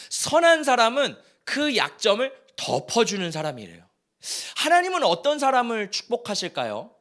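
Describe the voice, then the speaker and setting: A male pastor giving an animated Friday-night sermon in a church, joking with the congregation and calling for amens. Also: high-pitched. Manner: animated, jokes and calls for amen. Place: church sanctuary.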